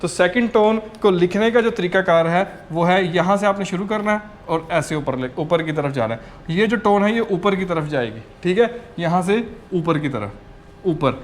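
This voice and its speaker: High-voiced man teaching a lesson. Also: expressive, normal speed, slight background noise. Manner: patient, repeats "okay" often, demonstrates sounds aloud. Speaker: language teacher. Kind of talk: explanatory lesson.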